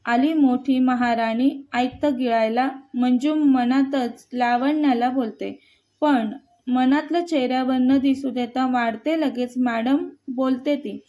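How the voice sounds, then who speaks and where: A woman reading a story aloud as scripted narration, steady and expressive. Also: sits high.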